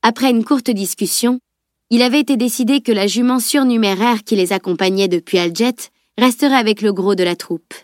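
A woman narrating an audiobook novel with a steady, even reading. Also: a little high, brisk, dry recording, studio quality. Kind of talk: scripted narration.

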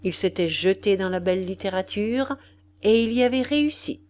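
A woman narrating an audiobook of a classic memoir, in an expressive, measured literary reading. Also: mid-range voice.

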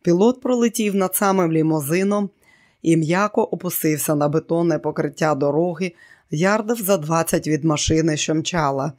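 An audiobook narrator reading a thriller in a steady, even storytelling manner. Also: medium pitch, normal speed.

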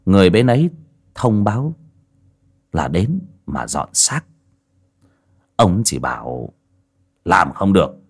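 A man narrating an audiobook story in an expressive storytelling manner. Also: sits low.

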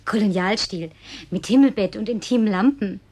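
A woman's voice: mid-range voice, normal speed, darkish tone, slightly rough, natural voice. An actress playing a lonely, house-proud young woman in a German radio drama, coaxing and effusive with sighs. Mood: chatty, proud.

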